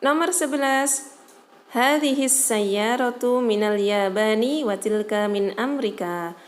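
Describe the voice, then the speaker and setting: A woman teaching a recorded Arabic lesson, slowly reading each phrase, translating it and explaining pronunciation with patient check-ins. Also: a little high. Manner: patient, adds "ya" to check understanding.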